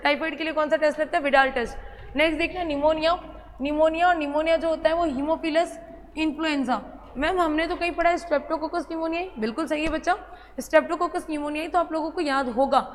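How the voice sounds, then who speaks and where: A woman teaching a biology class, who repeats key terms, quizzes her students and fondly calls them child. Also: sits high. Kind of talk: classroom lecture at a board. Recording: hall reverb with faint ambient noise.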